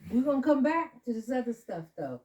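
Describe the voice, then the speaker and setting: A woman leading children in a home lesson, coaching them patiently with slow, drawn-out explanations. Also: high voice, big pitch swings, darkish tone, recorded from a distance, highs cut off. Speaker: adult leading children in a candle lighting. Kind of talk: home teaching talk. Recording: voice from away from the mic.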